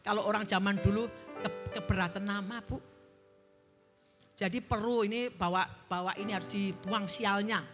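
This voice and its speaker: A woman's voice: medium pitch, fairly even intonation, normal speed. A middle-aged woman preacher giving a sermon with a personal testimony, telling her story earnestly and leading the congregation in call-and-response. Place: large church hall. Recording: church hall reverb, faint music.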